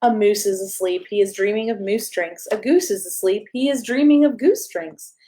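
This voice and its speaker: A pastor and storyteller reads a rhyming picture book aloud to children in a mid-pitched, mellow voice. At a moderate pace, she delivers it in a playful sing-song storybook style, stressing the rhymes clearly.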